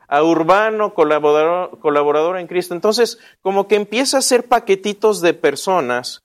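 A man teaching an interactive Bible lesson, asking the class questions and answering them himself in a casual way. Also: sits high. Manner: casual, with restarts and asides.

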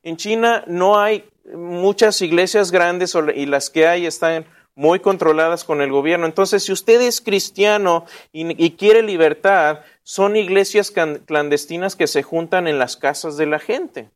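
High-voiced man teaching a Bible class. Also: a little slow, few pauses. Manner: asks the class questions and answers them himself; casual, with restarts and asides. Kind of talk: interactive Bible lesson.

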